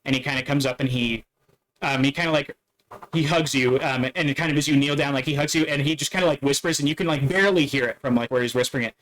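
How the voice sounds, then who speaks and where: A man narrating a tabletop game as dungeon master, halting and full of fillers and restarts. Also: medium pitch, fairly bright tone, rough recording.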